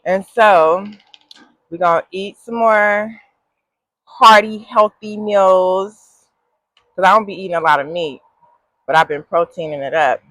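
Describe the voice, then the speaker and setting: A woman's voice: on the low side, normal speed, a bit bright, no room sound, rough recording. A woman vlogging in a casual, heartfelt way, giving frank, folksy advice with some sass and a preachy streak. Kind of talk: casual heartfelt vlog talk.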